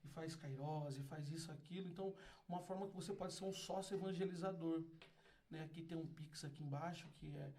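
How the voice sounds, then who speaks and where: Exuberant high-voiced Brazilian man. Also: brisk. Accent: Brazilian Portuguese. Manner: exuberant, laughing, acts out voices loudly. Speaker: guest, community founder. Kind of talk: animated storytelling.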